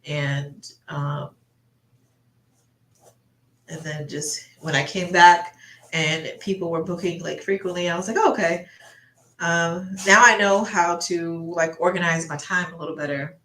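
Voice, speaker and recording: A woman with a slightly low voice chats casually in an echoey room. She sounds congested, breathing through her mouth, and rambles along as if thinking aloud on a livestream. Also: fairly even intonation, a little slow, a bit bright. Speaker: artist livestreamer chatting while painting. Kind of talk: casual chat.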